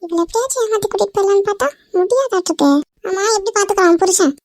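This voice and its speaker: A woman's voice: very high voice, rapid-fire, no room sound. A woman voicing a meddling, nagging mother in an amateur cartoon. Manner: nagging, pushy.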